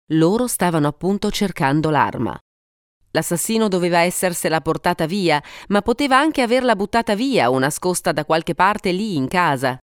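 A woman narrating a story for an audiobook, reading expressively with dramatic pauses. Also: lowish voice, smooth, no echo, studio quality. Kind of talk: scripted narration.

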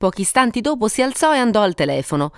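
Smooth-voiced woman audiobook narrator. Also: mid-range voice, dry recording, clean studio sound. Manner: expressive storytelling with dramatic pauses. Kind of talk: scripted narration.

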